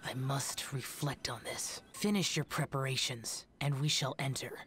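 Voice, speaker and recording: A man's voice: mid-range voice, unhurried, a bit bright, slight background noise, lightly acted. An actor playing a stern, weary, youthful male immortal demon slayer in a video game, speaking curtly in formal, archaic phrasing. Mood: grave, resigned. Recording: game audio with background music.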